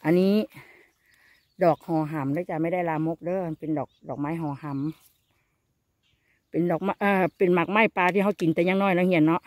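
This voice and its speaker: A woman's voice: on the low side, moderate pace, long pauses, dry recording. Chatty Isan-accented woman vlogging outdoors. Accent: Isan Thai. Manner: chatty, teasing, exclaiming often. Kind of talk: casual chat to viewers. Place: bamboo forest outdoors.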